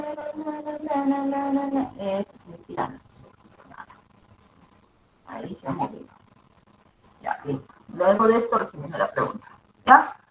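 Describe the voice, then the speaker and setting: A woman's voice: on the high side, slight background noise. A woman teacher with a mezzo-soprano voice gives a classroom lecture, checking in with her students after each point. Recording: echoey room.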